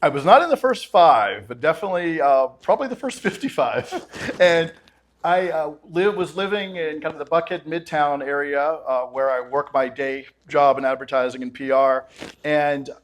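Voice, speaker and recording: A man's voice: a little high, moderate pace. A man in casual podcast conversation, talking at length with enthusiasm and telling stories. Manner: talkative, enthusiastic storyteller. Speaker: podcast guest, film critic.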